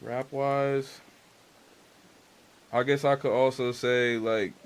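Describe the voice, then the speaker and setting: His voice is mid-range, level and clear with a resonant tone, and he takes his time. A young adult music artist and engineer of Dominican and Haitian background, a native Spanish speaker, he talks loosely and candidly about his influences in a casual interview, heavy on slang and "like."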